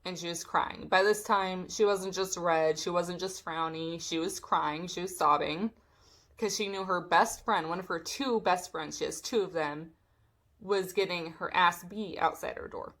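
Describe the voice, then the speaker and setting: A young woman vlogger telling a storytime, animated and swearing as she acts out what people said. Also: fairly low pitch, a little slow. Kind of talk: storytime vlog.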